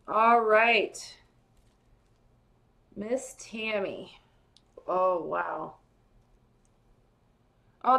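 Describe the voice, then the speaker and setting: A woman's voice: sits high, a bit bright, poor audio. A woman hosting a live pearl-opening sale, chatting casually and gushing to viewers by name. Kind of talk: casual live-stream sales chat.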